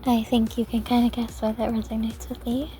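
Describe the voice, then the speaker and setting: A woman hosting her own podcast, talking hesitantly and softly about her personal life, with many pauses and restarts. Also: a little high, flat delivery, soft background music. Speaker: podcast host. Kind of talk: personal reflective podcast talk.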